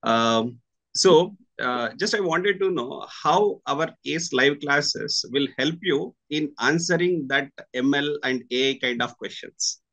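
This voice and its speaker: A man in his thirties with an Indian accent, interviewing over a video call with halting, deliberate phrasing. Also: a little high, fairly bright tone, highs cut off. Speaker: interviewer, senior faculty at a coaching academy. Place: small room indoors with curtains.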